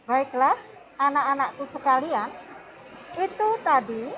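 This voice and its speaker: A woman teaching a music lesson with a high, light voice. She speaks slowly and patiently and explains each point step by step to her pupils. The recording sounds dull and lo-fi. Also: background noise.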